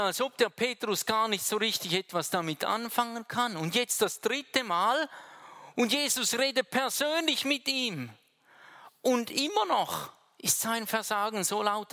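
A pastor preaching a sermon to the congregation, swinging between hushed, low phrases and loud, raised ones, and talking to the listener directly and informally.

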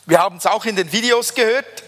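A man preaching a sermon, emphatic, slowing down to stress key phrases. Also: high-pitched, pushed and bright. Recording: long reverb of a large hall.

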